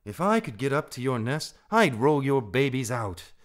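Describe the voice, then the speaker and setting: A fierce little storybook mongoose, played by a man, impatient and brave. He speaks in a raised, emphatic voice with lively swings, briskly scolding. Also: lowish voice, pitched above the performer's own voice.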